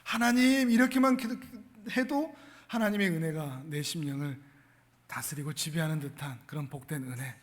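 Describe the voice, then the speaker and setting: High-voiced male pastor in echoey hall. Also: normal speed. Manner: builds from soft asides to loud, forceful emphasis. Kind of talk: sermon.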